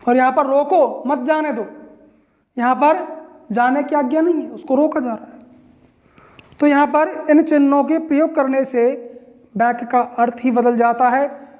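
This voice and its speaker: A man teaching a grammar lesson from India, going over each point deliberately, repeating it and answering his own questions. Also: very high voice, steady tone, darkish tone.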